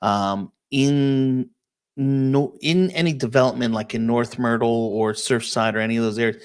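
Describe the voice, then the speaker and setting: Clean in tone, medium in pitch and moderate in pace, a man who works as a real estate agent hosts a laid-back live-stream walkthrough of listings. He responds to viewers and explains things, often saying "um" and checking in with "okay?"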